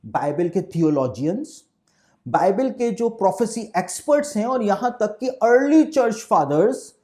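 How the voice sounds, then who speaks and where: A pastor giving a deliberate, explanatory Bible prophecy talk in a preaching style, restating each point twice. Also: male voice, high voice, dark tone.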